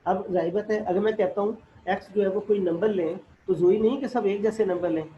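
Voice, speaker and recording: A man teaching a math class, explaining step by step and asking and answering his own questions. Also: sits high. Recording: echoey room, dull lo-fi audio, faint noise.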